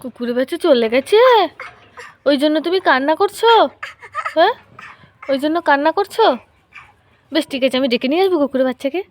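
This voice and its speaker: A woman's voice: sits high, lively intonation, a little fast, long pauses. A woman vlogging at home, coaxing and playfully talking to a small child in a sing-song way. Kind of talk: casual home vlog talk to a small child.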